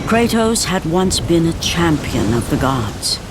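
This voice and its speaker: Grave epic game narrator. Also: female voice, low voice, sing-song, a little slow, very noisy. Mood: grave, solemn. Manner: grave, dramatic. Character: grave storyteller of a Greek myth. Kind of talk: solemn scripted epic narration for a video game. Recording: loud music under the narration. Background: loud game score.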